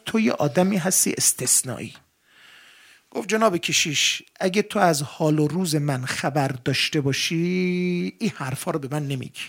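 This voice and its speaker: A man preaching, telling a story in an animated way and voicing the people in it. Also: sits high, husky. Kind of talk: sermon storytelling.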